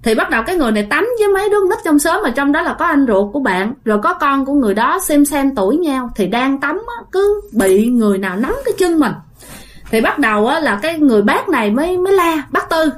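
A woman's voice: high voice, very animated, fast talker. Chatty woman storyteller. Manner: chatty, addresses listeners directly, many fillers. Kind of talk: casual spoken ghost story narration.

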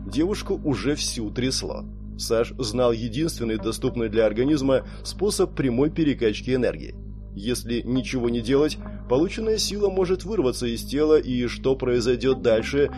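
A man reading a science fiction audiobook aloud, raising his pitch a little for the characters' lines. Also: animated, moderate pace, music in the background. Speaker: audiobook narrator. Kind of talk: scripted audiobook narration.

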